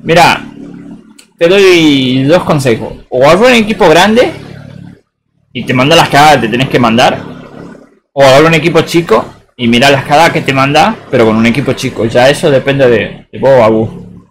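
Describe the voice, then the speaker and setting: Here the recording is rough, with slight background noise, and the man's medium-pitched voice holds a moderate pace. He's an Argentine with a Tucumán accent, casually rambling through a live game stream in slangy speech peppered with "boludo."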